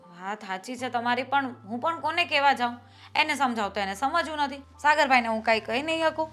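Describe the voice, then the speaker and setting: An actress playing a patient, worried wife and elder sister-in-law who reasons calmly about family troubles. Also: female voice, high-pitched, fairly quick, soft background music. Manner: calm, reasoning, then pushing back. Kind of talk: family drama acting.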